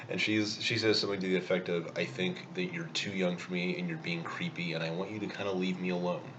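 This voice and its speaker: A man's voice: deep voice, steady tone, fairly quick, background noise. A man telling a rambling, self-mocking story in a casual vlog while eating. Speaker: vlogger.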